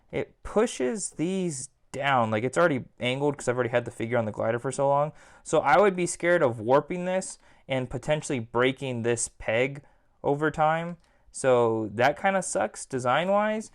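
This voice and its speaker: A man's voice: medium pitch, expressive, moderate pace, smooth. A man giving a casual, rambling toy review at home, leaning on filler words like "again" and "like". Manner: chatty, rambling, repeats "again" and "like".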